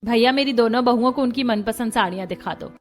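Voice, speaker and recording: A woman's voice: on the high side, quick pace, lightly acted. A woman doing a mocking mother-in-law. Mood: kindly. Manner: mocking, sharp-tongued. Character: scornful middle-aged mother-in-law. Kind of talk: cartoon story voice acting.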